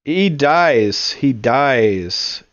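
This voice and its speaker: A man's voice: mid-range voice, expressive, drawn-out words, a bit bright, no room sound, highs cut off. A man narrating a tabletop game casually as game master.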